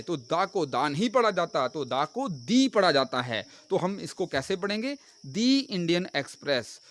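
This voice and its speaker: Man, teacher, animated rising and falling pitch, faint crickets behind. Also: a little hiss or hum. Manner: explains step by step, asking and answering his own questions. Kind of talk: grammar lesson.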